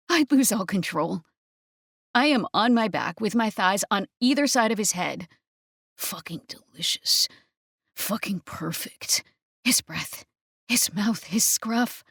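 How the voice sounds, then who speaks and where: A woman narrating a first-person romance audiobook in a breathy, intimate manner. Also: fairly high pitch, no room sound, clean studio sound.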